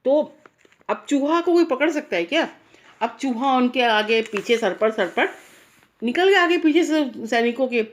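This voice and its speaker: A woman's voice: high voice, expressive, a little slow. A woman telling a child a story in an informal, chatty way, speaking to the child directly as she goes. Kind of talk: bedtime story told aloud.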